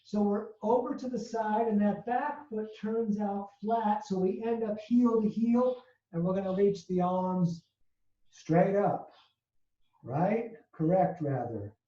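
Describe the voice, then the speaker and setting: A yoga teacher with a mellow, soft-edged voice talks a class through each pose and breath in short, steady cues. The sound is dull and lo-fi, picked up from a distance in an echoey studio room. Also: medium pitch, takes it slowly. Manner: steady step-by-step cueing of poses and breath. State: a little out of breath. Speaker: yoga instructor. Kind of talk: live yoga class instruction. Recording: dull, roomy sound from far off.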